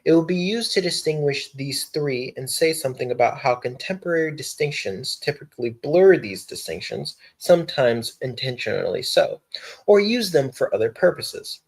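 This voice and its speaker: A man's voice: fairly high pitch, lively intonation, moderate pace, creaky. A young man on a casual live stream, reading a philosophy text aloud, stumbling over words, restarting lines and breaking off for slangy asides.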